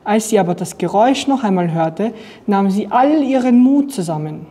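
Young woman, from Austria, student, picture book reading, calm, mellow voice. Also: mid-range voice, normal speed, slightly rough. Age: young adult.

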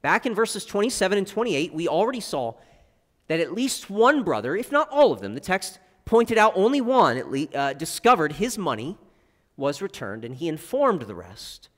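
Preaching man in a reverberant church. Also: moderate pace. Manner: expressive preaching with wide swings in pitch and loudness. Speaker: pastor. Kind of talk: sermon. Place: church sanctuary.

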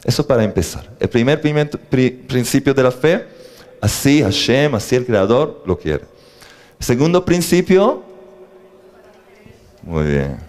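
A man teaching a lesson on faith to a live audience, asking them questions and joking between his points. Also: medium pitch. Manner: animated, asks the audience questions, jokes. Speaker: religious teacher.

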